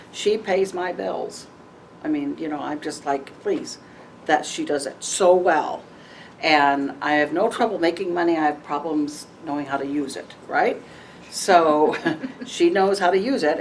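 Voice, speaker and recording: A woman's voice: low-pitched, gravelly. A woman being interviewed, talking frankly and with animation, laughing now and then. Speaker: interview guest. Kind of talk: candid conversational interview. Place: event venue with audience tables. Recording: distant mic with faint noise.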